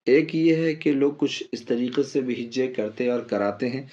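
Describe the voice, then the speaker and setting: A patient man teaches a step-by-step reading lesson. His voice is mellow and a little dark, and he slows right down to spell out each syllable and stretch the long vowels. The recording sounds dull and lo-fi. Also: medium pitch. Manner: patient, repeats syllables slowly and drawn out. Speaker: Quran recitation teacher.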